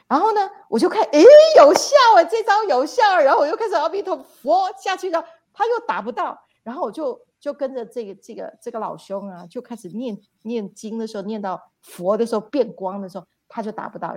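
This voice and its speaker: A woman, a spiritual teacher telling dream stories on a livestream in an animated, repetitive way. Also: mid-range voice. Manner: animated, repetitive retelling with sound words. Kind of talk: livestream storytelling talk.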